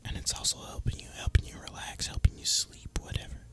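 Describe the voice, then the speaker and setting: This ASMR gaming host talks in an unvoiced, breathy whisper, casual and laid-back as he rambles. He speaks fairly quickly.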